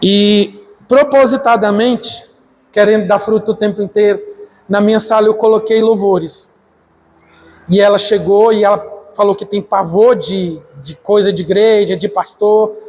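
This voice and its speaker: A man's voice: high voice, moderate pace. A middle-aged man from Northeast Brazil, a pastor telling personal stories in a sermon and acting out the dialogue. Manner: animated storytelling, acting out dialogue. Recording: church hall with long reverb, faint noise.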